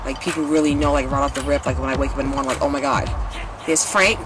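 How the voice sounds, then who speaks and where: A woman's voice: very deep voice, steady tone, quick pace. Frank, rambling woman singer over music. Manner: rambling, profane, full of "like". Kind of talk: candid documentary interview. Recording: music playing under the voice.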